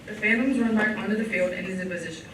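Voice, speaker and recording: A woman's voice: mid-range voice, quick pace, very noisy. A woman reading scripted narration for a stage play. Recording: echoey hall, distant, loud music behind.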